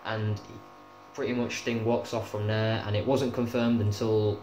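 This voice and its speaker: A man's voice: lowish voice, flat delivery, unhurried. A young man giving an opinionated, casual review of a wrestling show, swearing freely as he talks. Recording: echoey room with faint hum.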